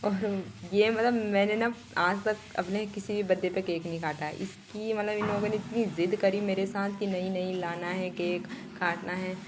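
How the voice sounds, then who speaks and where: A vlogger in her twenties from Uttarakhand, India, narrates a chatty voice-over, speaking straight to her viewers and laughing at herself. Her mid-range voice stays fairly even at a moderate pace with barely any pauses, and there's noise in the background.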